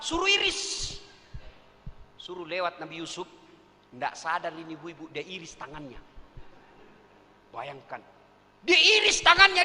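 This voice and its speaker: Brief: male preacher with a bright, animated high voice, comic sermon in an echoey event hall. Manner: joking, addresses officials directly. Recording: echoey hall, faint noise.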